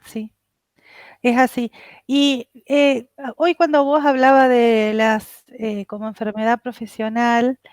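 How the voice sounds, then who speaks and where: A woman's voice: fairly high pitch, flat delivery, slow, smooth, dry recording. A woman with an Argentine Spanish accent interviewing a guest, thinking aloud and hesitating often. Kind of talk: interview conversation.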